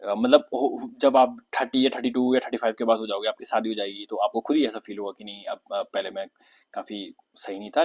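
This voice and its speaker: A man's voice: mid-range voice, a little mellow. Hindi-speaking man teaching vocabulary. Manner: questions and answers himself, repeats key words. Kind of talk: exam-prep vocabulary lesson.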